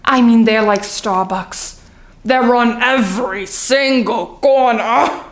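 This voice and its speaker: Taking it slowly in a high voice, a woman performs a comic monologue as a middle-aged Long Island housewife, confiding nervously and candidly as she rambles through hesitant asides. The room echoes around her.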